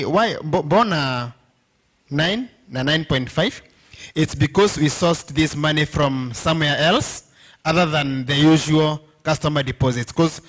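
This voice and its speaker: A Kenyan man speaks in a fairly high male voice. He presents informally to a group, switching between two languages and often checking that listeners follow. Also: a bit bright. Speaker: bank representative presenting to union members. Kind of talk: informal presentation mixing English and Swahili.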